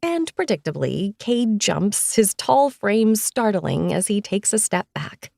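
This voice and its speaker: A woman narrating a first-person romance audiobook in a playful, expressive way. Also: medium pitch, slow, vocal fry, no room sound, studio quality.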